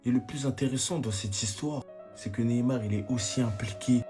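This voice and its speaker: A man's voice: medium pitch, brisk, warm tone. A man giving casual football commentary in a self-deprecating tone before signing off to his viewers. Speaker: football video creator. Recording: music playing behind.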